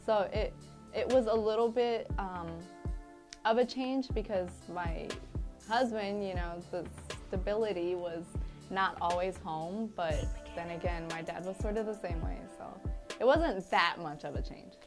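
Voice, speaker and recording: A woman's voice: mid-range voice, unhurried. Young woman chatting, music behind. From Liberia. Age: young adult. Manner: chatty, laughs often, hesitant fillers. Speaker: interviewee. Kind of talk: casual interview. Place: indoor studio set with curtains. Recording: studio interview with music underneath. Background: background music.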